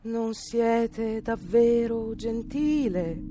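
A woman doing a calm, stern fairy. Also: high-pitched, music in the background, pitched above the performer's own voice. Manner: composed, measured.

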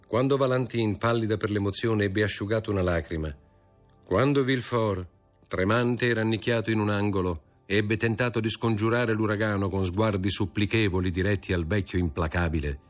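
A man with a very deep voice reads a classic novel aloud, measured and expressive. His narration moves steadily through the scenes. Faint music runs quietly behind him. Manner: measured, expressive literary reading. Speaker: audiobook narrator. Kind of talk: audiobook reading of a classic novel.

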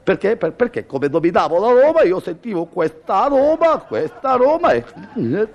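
A man's voice: high voice, sing-song, moderate pace, muffled recording. A man performing a stammering comic monologue, with sneezing fits and mock-noble airs. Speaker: comedian.

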